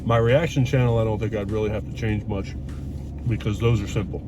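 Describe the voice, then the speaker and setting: A man's voice: lowish voice, fairly even intonation, fairly quick, far from the mic, noisy background. A middle-aged man vlogging in a casual, candid way as he chats over a meal, speaking bluntly and reflectively with some swearing. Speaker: YouTube vlogger. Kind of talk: casual, candid chat to camera and companion while eating.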